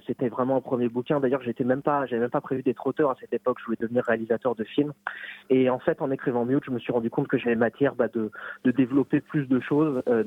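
A man's voice: medium pitch, husky, dry recording. A man, an author living abroad, talking remotely in an interview, hesitant with many fillers and restarts, heard over a phone line. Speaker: author guest.

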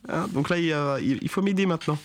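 A man's voice: on the high side, fast talker. Rambling young man hosting radio. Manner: rambling, many fillers, joking exasperation. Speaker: radio show host. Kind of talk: casual radio chronicle.

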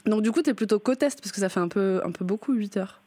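A woman's voice: mid-range voice, fairly quick, dark tone, no echo. Chatty woman hosting a radio show. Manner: friendly, chatty, lightly joking. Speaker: radio host.

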